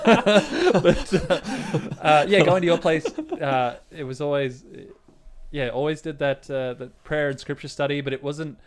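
A man's voice: on the high side, steady tone, normal speed. A man co-hosting a podcast, chatting casually, rambling and swearing, often laughing. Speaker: podcast co-host. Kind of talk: casual chat.

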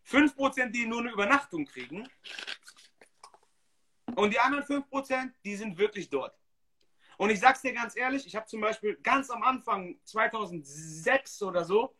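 A high, bright and slightly husky male voice. He hosts a casual livestream podcast and speaks bluntly and emphatically, full of slang. His delivery is lively and direct. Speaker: DJ and podcast host.

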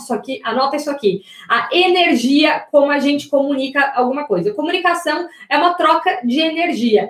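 A Brazilian woman mentor giving an energetic online class, talking straight to her viewers and asking them rhetorical questions. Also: sits high, reverberant. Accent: Brazilian Portuguese. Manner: energetic, addresses audience as "gente", asks rhetorical questions. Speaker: business and communication mentor.

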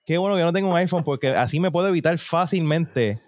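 A man's voice: fairly high pitch, fast, no echo, clean studio sound. A man, co-hosting a podcast in joking casual chat and switching into English slang. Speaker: podcast co-host.

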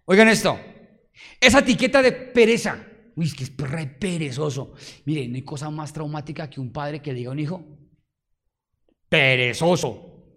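A man preaching a sermon, talking straight to the congregation with rhetorical questions and swinging between loud exclamations and low murmurs. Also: animated, fairly quick.

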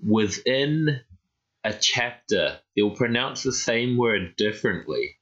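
A man's voice: mid-range voice, animated, slow, fairly bright tone, dull audio. A man co-hosting a podcast, chatting casually in a rambling way, full of fillers and tag questions. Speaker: podcast co-host. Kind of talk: casual chat.

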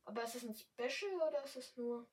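A young woman speaking standard German, chatting casually and excitably while commentating her gameplay. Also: fairly high pitch, brisk, recorded from a distance, low-quality recording. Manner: chatty, excitable, yelps and exclaims often. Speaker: gamer streamer.

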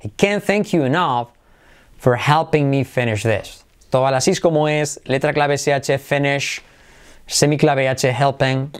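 A man with a Spanish accent from Spain teaching English, drilling phrases slowly and switching to quick explanations. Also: medium pitch, smooth. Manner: repeats phrases slowly for learners to copy. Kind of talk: bilingual English lesson.

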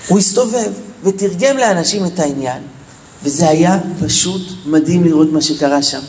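A man telling a story to schoolchildren in a school, animated and asking them questions. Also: fairly high pitch, long reverb tail, slight background noise. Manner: animated, asks the children questions. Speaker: storyteller speaking to children. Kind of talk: storytelling talk for children. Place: school in Israel, large room.

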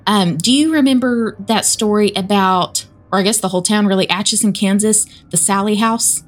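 A woman's voice: mid-range voice, normal speed. A woman with a Southern American accent, co-hosting a podcast and chattily retelling a spooky story. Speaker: podcast co-host. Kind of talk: casual storytelling chat.

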